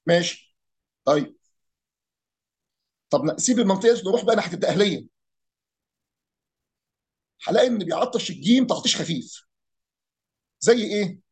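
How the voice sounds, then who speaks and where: A man's voice: sits high, lively intonation, fairly quick, pauses often. A man with an Egyptian accent casually explaining regional dialects, asking rhetorical questions and imitating local pronunciations. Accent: Egyptian Arabic. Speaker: speaker on Arabic dialects and folk heritage.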